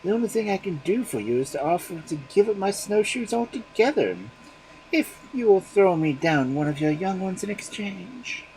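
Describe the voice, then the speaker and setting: A man voicing a sly, greedy fox in a storybook reading, sounding smooth and falsely reasonable. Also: high-pitched, lively intonation, normal speed, a little mellow, slight background noise, voice pushed up, rough recording.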